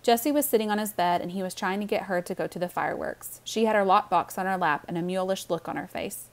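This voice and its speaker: A woman narrating a children's novel aloud in a calm, steady reading voice. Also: mid-range voice, fast talker. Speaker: audiobook narrator. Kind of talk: storybook narration.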